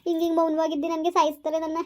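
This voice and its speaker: A woman's voice: very high-pitched, completely flat delivery, rapid-fire, dark tone, a little hiss or hum. A woman, playing a hurt, pleading young daughter-in-law in a homemade village family drama. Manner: pleading, keeps asking what she did wrong. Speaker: village skit actor.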